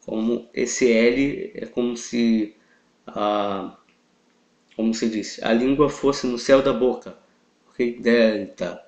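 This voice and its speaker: A man with a Brazilian Portuguese accent teaching a live online class, patient and checking in with "ok?" after nearly every point, clearing his throat and coughing now and then. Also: mid-range voice, fairly even intonation, takes it slowly, pauses often, a little mellow. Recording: roomy, dull lo-fi sound.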